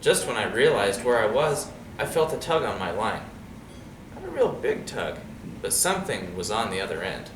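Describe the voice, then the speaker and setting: A man tells a picture-book story to children in a chatty way, his pitch swinging very lively at a moderate pace as he asks the young listeners questions and adds casual asides. He is set back from the mic in an echoey space, and background noise is clearly heard.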